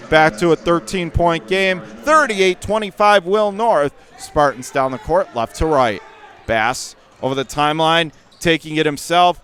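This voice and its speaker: Calling a high school basketball game live on the radio, a play-by-play man with a Western New York accent rattles off the action quickly. On big plays his calls surge into excited shouts.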